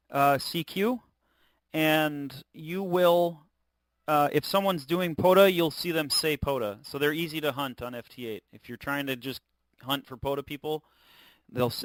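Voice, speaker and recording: A man with a fairly high voice acts as net control on an amateur radio net. He talks informally and haltingly, calling on operators. The sound is dry, with little room to it. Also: a bit bright, no room sound. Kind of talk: hosting a ham radio check-in net.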